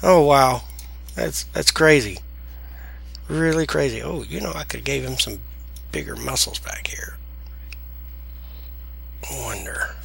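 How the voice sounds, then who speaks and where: A man with a deep Southern US accent and slightly slurred S sounds, giving a casual, halting, rambling software tutorial. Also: gravelly, husky. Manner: halting, rambling delivery with trailing sentences. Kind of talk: casual unscripted screen tutorial.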